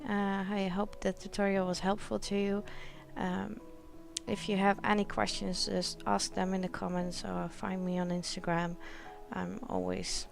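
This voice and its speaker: A woman's voice: mid-range voice, vocal fry. A woman with a Dutch accent narrating an art tutorial voice-over, speaking plainly with a slightly hesitant, awkward delivery.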